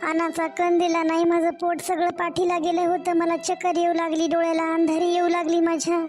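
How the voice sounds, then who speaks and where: A woman's voice: very high voice, monotone, a little fast, a little mellow, soft background music. A woman voicing a young, mistreated daughter-in-law in a cartoon story, pleading. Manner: pleading, complaining.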